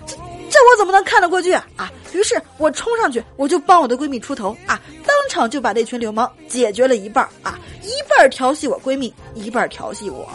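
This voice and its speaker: A young woman performing a stand-up comedy story, animated and trailing her phrases with drawn-out particles. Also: high-pitched, faint music behind. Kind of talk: comic storytelling monologue.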